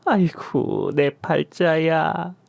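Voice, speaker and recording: A woman's voice: sits low, sing-song, measured pace, dark tone, dry recording, exaggerated voice. A woman playing a wailing, bitter old mother-in-law. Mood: furious. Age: older. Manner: wailing, cursing, theatrical sighs. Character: scolding older mother-in-law, bitter and abusive. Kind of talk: radio drama acting.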